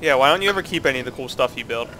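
A man's voice: medium pitch, animated, rapid-fire, noisy background. A man with a stuffy, congested voice, playing a co-op game and joking with his friend in casual banter. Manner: joking, playful, self-mocking. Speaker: co-op gameplay commentator.

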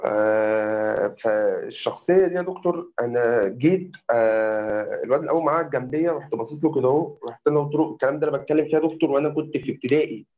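A man's voice: mid-range voice, very fast. A young man with an Egyptian Arabic accent telling his personal story to a host in a casual, rambling way, often addressing him as doctor. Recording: muffled lo-fi audio.

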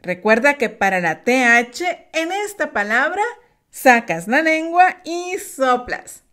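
Woman language teacher, slow, lively, fairly high voice, drills words for repetition. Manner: drills words slowly for learners to repeat. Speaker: English teacher. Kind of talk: slow, clear language lesson.

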